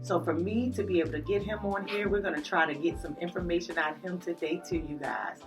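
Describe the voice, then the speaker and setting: A woman hosting a podcast, greeting her audience and guests in an animated, drawn-out way with playful asides. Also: on the low side. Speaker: podcast host. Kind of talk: enthusiastic podcast welcome and interview. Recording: distant mic with faint music behind.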